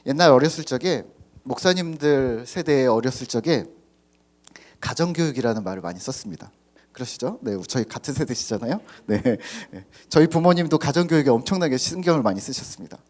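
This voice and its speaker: A man's voice: medium pitch, animated, brisk, a little mellow. A middle-aged man preaching a sermon as a pastor, talking conversationally with the congregation, asking them questions and acting out parents scolding at the table. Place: church sanctuary.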